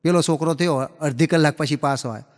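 Man, live stand-up comedian, acts out dialogue, high voice, long reverb of a hall. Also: brisk, darkish tone. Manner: folksy anecdotal delivery, acts out dialogue. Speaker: stand-up comedian telling school jokes. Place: live comedy stage before an audience.

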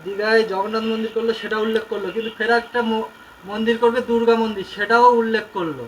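A man's voice: high voice, steady tone, fast talker, fairly bright tone. A man putting questions as a reporter at a press interview, recorded off-mic. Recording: distant off-mic voice, background noise.

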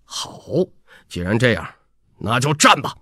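A man voicing a gloomy, hostile male gang leader who speaks low and threatening in an audiobook. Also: big pitch swings, measured pace, sharp tone, no echo, studio quality. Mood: menacing.

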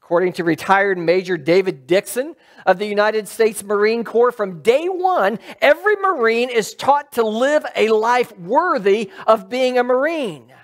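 A man's voice: high voice, lively intonation, measured pace, hardly any pauses. A middle-aged man preaching a sermon from a lectern in a church sanctuary, in a conversational way that puts questions to the congregation. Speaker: pastor.

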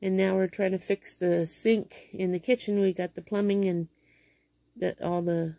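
A Midwestern American woman in her fifties tells a meandering everyday story for her home vlog, filled with fillers and false starts. Her mid-range voice is mellow and steady at a moderate pace. She films on a phone held close below her face in a small bedroom, with no echo.

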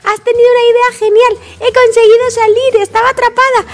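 A very high, squealing little girl piglet from a toy play story, as a woman puts her on. She bursts with exclamations and breathless cries. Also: flat delivery, fairly quick. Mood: relieved. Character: cheerful little girl piglet, playful and excitable.

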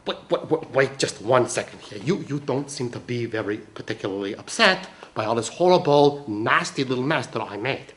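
Guy playing a prying, wheedling dude, drawls his words, bright voice. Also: medium pitch, animated, moderate pace, hardly any pauses, a little hiss or hum, lightly acted. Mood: needling. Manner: wheedling, probing, drags out words. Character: pushy, needling man who slipped on a floor. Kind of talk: audio drama acting.

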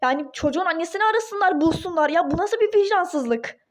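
In a toy-game role-play drama, a woman plays an indignant young wife, her very high voice expressive and fairly quick as she lets out outraged, furious exclamations.

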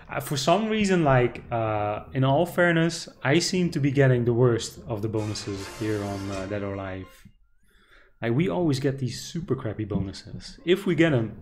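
A man's voice: mid-range voice, lively intonation, normal speed, soft background music. A man streaming slot games, chatting casually and greeting viewers by name as he spins. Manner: chatty, reads out viewer names, cheers at the slot. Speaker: casino streamer. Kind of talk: casual live-stream chat.

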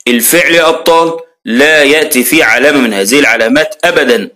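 A man's voice: medium pitch, fast, pushed and bright. A man with an Egyptian accent teaching children grammar, asking questions aloud and then answering them himself. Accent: Egyptian Arabic. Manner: asks questions and answers them himself, addresses pupils as heroes. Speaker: primary school grammar teacher. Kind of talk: lively classroom explanation.

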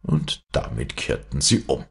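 A man narrating a fairy tale for an audiobook with an expressive, swinging delivery. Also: extremely low pitch, measured pace, vocal fry, slightly rough. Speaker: storyteller.

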